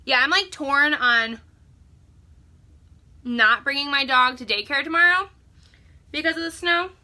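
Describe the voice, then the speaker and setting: Unhurried yet pushed and bright, this high-voiced young woman walks through a makeup tutorial at home as a vlogger. She chats casually, jokes, and uses "like" as a frequent filler.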